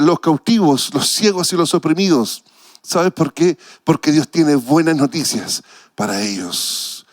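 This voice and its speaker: A man's voice: on the high side, no echo, studio quality. A man with a Chilean Spanish accent preaching a sermon as pastor, earnest and emotional, repeating phrases for weight.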